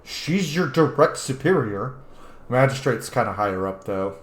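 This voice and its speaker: During a relaxed video game playthrough, a man with a mid-range voice chats loosely, curses, and muses as he plays, speaking at a normal pace with an animated manner. There's a roomy echo to the recording and soft game music underneath.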